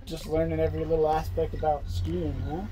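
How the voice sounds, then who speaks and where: A young man vlogging outdoors on a ski slope and chairlift, talking excitedly in slangy casual chat into a helmet-mounted camera. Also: on the high side, fairly quick, a little hiss or hum. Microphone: helmet-mounted action camera.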